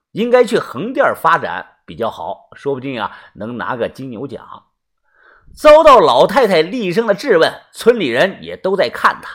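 A man's voice: a little high, slightly rough. A man narrating a first-person audiobook story in a chatty way, padding phrases with little fillers.

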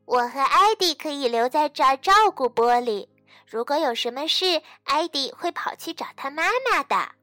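A woman voicing a sensible, helpful little girl bunny who speaks in a clear, reassuring way, in a storybook. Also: high voice, animated, moderate pace, pushed and bright, dry recording, soft background music, voice pushed up.

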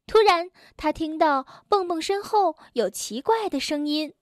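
A woman telling a story to children in a gentle, clear way, calling herself a big sister. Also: very high-pitched, expressive, measured pace, no echo, studio quality.

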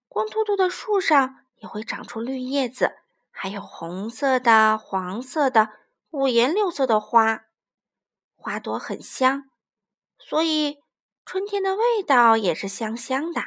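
A woman reading a children's picture book aloud, gentle and expressive. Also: high-pitched, measured pace. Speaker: storyteller.

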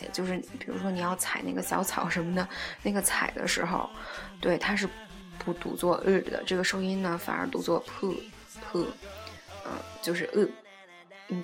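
A woman teaching a language lesson, explaining word by word and repeating each example slowly and patiently. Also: lowish voice, gravelly, fairly bright tone.

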